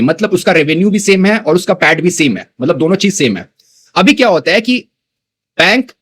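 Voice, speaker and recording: A man's voice: high-pitched, a bit bright. A man explaining bank stock analysis to viewers in a casual teaching style, dropping finance terms into his talk and often checking that viewers follow. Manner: conversational teaching, mixing English terms, frequent "ठीक है ना" check-ins. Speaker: stock market educator.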